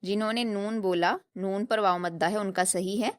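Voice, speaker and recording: A woman teaching a tajweed lesson, explaining patiently step by step and drilling each sound slowly. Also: medium pitch, fairly even intonation. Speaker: Quran recitation teacher.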